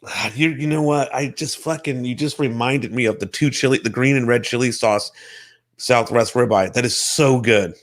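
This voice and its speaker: A man's voice: medium pitch, moderate pace. A man hosting a casual interview, enthusiastic and swearing freely as he talks. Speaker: talk show host.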